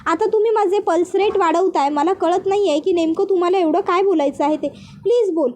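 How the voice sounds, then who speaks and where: A woman voicing a young husband who is anxious and quick to anger, pressing with questions in a plain reading voice. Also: very high voice, a little mellow.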